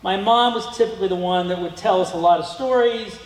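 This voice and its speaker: In an echoey museum lecture room with long reverb, a middle-aged American guest speaker presents slides about his family. His talk rambles, full of ums and restarts, and his voice sits high, moving a little fast.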